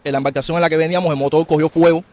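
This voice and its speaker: A Cuban man with a Cuban accent, an interviewee earnestly recounting his own experience in a quick, tumbling way. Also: a little high, steady tone, a crowd in the background. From Cuba. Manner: earnest, quick, tumbling narration with small restarts. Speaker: interviewee, former political prisoner. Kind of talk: recounting a personal story in an interview.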